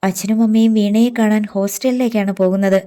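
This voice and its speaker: Scheming young village man, voiced by a woman storyteller: firm, low, sure of himself, mellow tone. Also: steady tone, brisk, natural voice. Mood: determined. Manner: low, firm, matter-of-fact.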